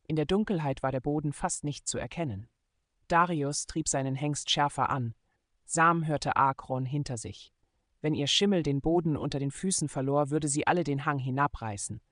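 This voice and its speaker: A man reading a German adventure novel aloud in steady, measured scripted narration. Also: on the high side, no echo. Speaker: audiobook narrator.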